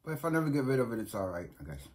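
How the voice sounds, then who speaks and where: This middle-aged New Yorker races along with big pitch swings in a medium, darkish voice while doing an easygoing food review vlog. He's close to a phone or webcam in a small home room, rambling, repeating things and restarting sentences a lot.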